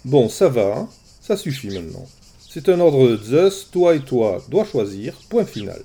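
A man's voice: fairly high pitch, big pitch swings, unhurried, warm tone, a little hiss or hum, pitched above the performer's own voice. A man doing a breezy, charming messenger god. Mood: stern. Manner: light, bantering.

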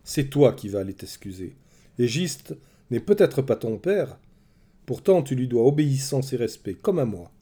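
A man's voice: mid-range voice, big pitch swings, normal speed, warm tone, breathy edge. A man voicing a proud, desperate queen and mother who pleads and accuses in a raised voice. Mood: stern.

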